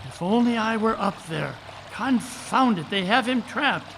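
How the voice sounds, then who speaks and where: A man performs a keen detective in an old-time radio play. The voice is high for a man and forceful, with precise, formal phrasing. He sounds unflappable yet eager as he reasons, over faint noise in a live recording. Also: expressive, measured pace, gravelly, exaggerated voice. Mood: urgent. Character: Sherlock Holmes, keen unflappable English detective, analytical, excitable when reasoning. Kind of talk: old-time radio drama acting, live stage reading. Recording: live conference recording, background water noise.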